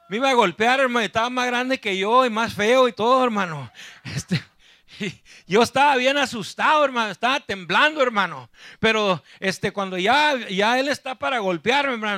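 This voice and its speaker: A man preaching a sermon in church, fervent and emotional, constantly calling out to his brothers and rising to shouts. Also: high voice, no echo, clean studio sound. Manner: fervent, calls out "hermano" constantly, rises to shouting.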